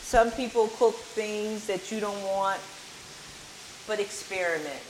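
A woman's voice: medium pitch, takes it slowly, noisy background. A woman hosting a casual cooking show, chatty and repeating phrases for emphasis, recorded in a kitchen. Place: home kitchen. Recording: echoey kitchen with guitar music.

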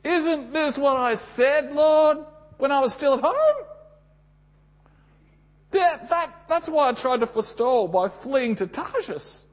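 A man's voice: extremely high pitch, animated, slow pace, voice pushed up, exaggerated voice. An Australian man voicing a furious, petulant prophet who complains indignantly to God in a sermon's Bible story.

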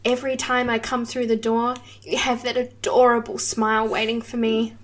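A woman voicing a doting, seductive female snake-woman monster in an improvised audio role-play, speaking breathily and slowly. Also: a little high, flat delivery, natural voice. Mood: affectionate. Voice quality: breathy, soft and adoring. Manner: slow, lingering and affectionate.

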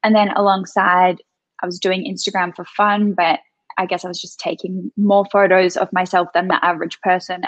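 A woman's voice: mid-range voice, no echo. Australian woman in her twenties, casual guest, dry muffled recording. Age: 20s. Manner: casual, relaxed storytelling. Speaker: guest, content creator. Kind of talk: remote podcast interview.

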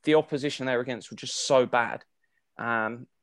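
A man's voice: medium pitch, normal speed, no room sound. A man giving casual sports analysis as a podcast co-host, thinking aloud and restarting his phrases.

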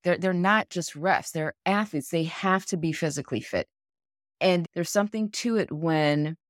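A woman in her forties co-hosts a podcast, telling a casual story in a frank, animated way, acting out what other people said and swearing casually. Her voice is low, and the studio-quality recording has no echo.

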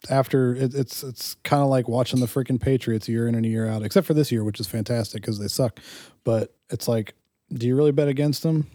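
A man with a mellow, dark voice hosts a relaxed fantasy football chat. He talks in a laid-back, hesitant way with lots of fillers, and he has a cough. The sound is dry and close. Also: medium pitch, dry recording. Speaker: fantasy football league podcast host. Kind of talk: casual chat.

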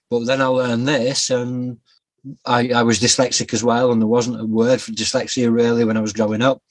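A man, a guest telling his life story in a podcast interview, reflective and halting with restarts. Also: mid-range voice, husky, no echo. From Yorkshire, England. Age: 40s. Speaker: guest author.

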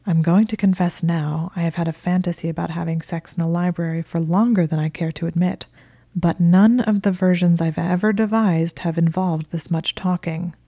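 A woman voicing a prim, sharp-tongued young witch who answers in dry, clipped retorts. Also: lowish voice, steady tone, normal speed, no room sound.

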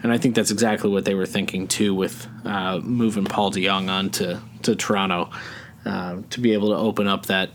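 A man's voice: low-pitched, level tone, fairly quick, a little hiss or hum. A man co-hosting a podcast, talking sports in a rambling, casual way with lots of fillers and restarts. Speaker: podcast co-host.

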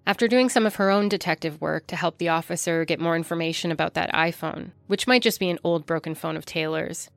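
A woman giving scripted true-crime narration in a measured, descriptive way. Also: deep voice, no room sound.

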